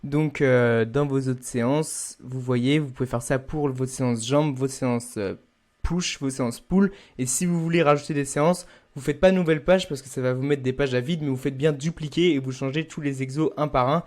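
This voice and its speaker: A man's voice: mid-range voice, normal speed, darkish tone. A young man explaining a planning app in a casual tutorial, with frequent hesitations. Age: young adult. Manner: casual, many "euh" fillers, addresses viewers as "vous". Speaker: student fitness youtuber. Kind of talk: screen-recorded software tutorial.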